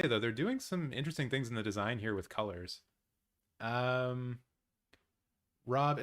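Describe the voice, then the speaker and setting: A man from Canada hosting a live awards watch-along from his apartment, chatting casually and answering viewer comments with excitable, rambling asides. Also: medium pitch. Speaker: live-stream host.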